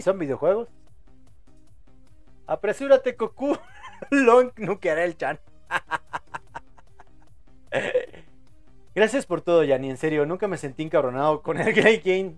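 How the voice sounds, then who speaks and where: A man in his thirties with a Mexican accent, hosting a casual live podcast, swearing, laughing often and rambling in slang. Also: on the high side. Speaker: podcast host. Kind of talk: casual live-show chat reading audience posts.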